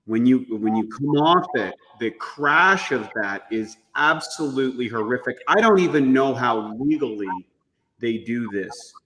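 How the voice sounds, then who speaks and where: A man's voice: mid-range voice, animated, a little slow, sharp tone, big-room sound. A man talking about supplements as a guest expert on a health show, earnest and explanatory. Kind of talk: casual health talk.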